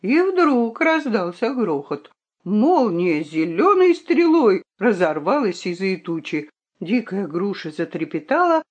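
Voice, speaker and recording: Slow, melodic woman storyteller. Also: mid-range voice, muffled recording. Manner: expressive, melodic reading. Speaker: narrator. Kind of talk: storybook audiobook narration.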